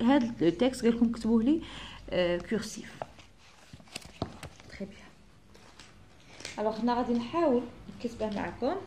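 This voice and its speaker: Lady teacher going over a kids workbook, sounds out letters one by one, slow and patient. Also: fairly high pitch, mellow. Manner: slow, spelling out sounds and letters, switching into Arabic dialect. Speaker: primary school teacher. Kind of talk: workbook lesson for children.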